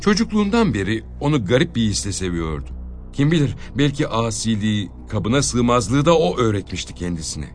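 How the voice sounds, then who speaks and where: A man reading a short story aloud in an expressive, dramatic storytelling manner. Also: medium pitch. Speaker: narrator.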